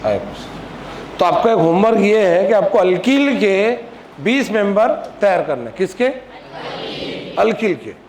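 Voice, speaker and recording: A man teaching a chemistry class in a classroom, firing repeated questions at students and scolding them when they are slow to answer. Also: high voice, animated, darkish tone. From Maharashtra, India. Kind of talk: classroom lecture. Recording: noisy classroom recording.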